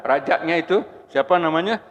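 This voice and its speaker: A man's voice: on the high side, fairly quick. A man giving a humorous Quran exegesis lecture in a mosque, asking rhetorical questions and chuckling often. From Brunei. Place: mosque hall. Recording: muffled lo-fi recording with long hall reverb.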